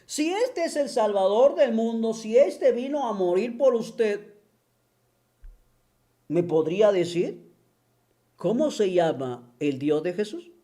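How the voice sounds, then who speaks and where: A mocking monologue from a speaker, slow and drawn out, the pitch swinging widely. The tone is dark and mellow, taunting the listener with repeated rhetorical questions and a scornful chuckle. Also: sing-song. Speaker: online religion critic.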